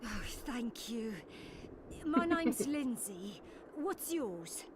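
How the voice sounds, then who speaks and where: An actress with an English accent playing an earnest, grieving widow out for vengeance in a video game. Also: female voice, fairly high pitch, sing-song, very slow, background noise, exaggerated voice. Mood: grateful, resolute. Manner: earnest, dramatic. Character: grieving, vengeful young widow pleading for help.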